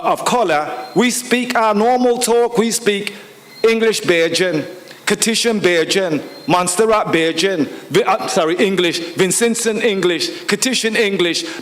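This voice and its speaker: A man with a high voice stands up at a public hearing and argues with conviction, piling rhetorical questions on top of one another. His voice carries a long reverb from the large hall. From United Kingdom. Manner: forceful, rhetorical, repeats points with questions. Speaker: audience member at a public hearing. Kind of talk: impassioned public comment.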